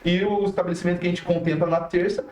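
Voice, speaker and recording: A man's voice: sits high, racing, reverberant, far from the mic. A man with a Brazilian Portuguese accent, telling stories in a casual studio chat and acting out the people he quotes. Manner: animated storyteller, acts out quoted dialogue. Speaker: music teacher and guest.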